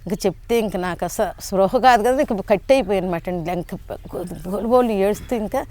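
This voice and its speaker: An older woman telling personal memories in a polite, halting conversational way, often restarting her sentences. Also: mid-range voice, a little mellow. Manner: polite, frequent respectful "andi", halting restarts. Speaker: interviewee sharing devotional memories.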